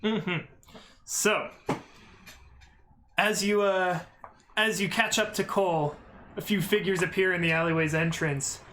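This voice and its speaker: A game master narrating a tabletop game, relaxed and laughing easily with the players. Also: medium pitch, measured pace, long pauses, a little hiss or hum.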